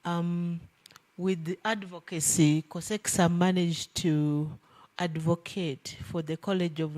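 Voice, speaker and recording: Low-pitched woman in nursing, commenting from the floor, earnest, slow, handheld mic. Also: warm tone. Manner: earnest, hesitant, correcting herself. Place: conference hall. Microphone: handheld microphone passed around.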